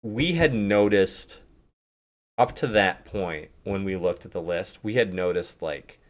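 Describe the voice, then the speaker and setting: Brief: male streamer host, lowish voice, loose rambling review talk, fills with "like". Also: measured pace. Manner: rambling, heavy use of "like"; talks through restarts and hedges. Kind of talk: casual chat, game review.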